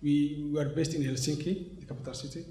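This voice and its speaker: Speaking English for an interview at an indoor conference venue, this Somali man in his forties represents an organization and hesitates often, full of fillers and restarts. His voice is fairly high and warm, steady in tone and fast. Echo from the room is audible.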